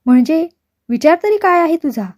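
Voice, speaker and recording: A woman voicing a stern, angry older father who shouts and scolds his son harshly. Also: high-pitched, lively intonation, moderate pace, pitched above the performer's own voice. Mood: furious scolding.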